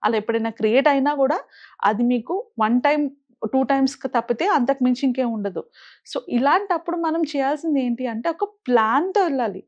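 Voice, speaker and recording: High-voiced woman financial advisor. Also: brisk, dull audio. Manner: earnest, asks the viewer pointed questions. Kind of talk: explaining investing to camera.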